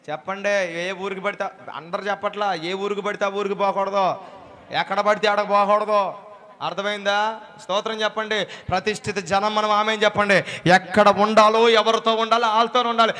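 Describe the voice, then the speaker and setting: A male pastor preaching a revival sermon in a church, calling on the congregation to say amen and swinging between loud shouted stretches and quiet asides. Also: sits high. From India. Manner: preaching with call-and-response, urging the congregation to say amen. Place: church hall. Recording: long hall reverb.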